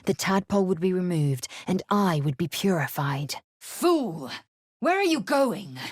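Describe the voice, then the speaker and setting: A proud alien warrior woman from a fantasy video game delivers dramatic game dialogue and narration in a low, husky voice with a rasping edge. Her slow, clipped, formal phrases sound stern and scornful, like someone used to giving orders, with a heavily acted, sing-song quality. There is no room sound.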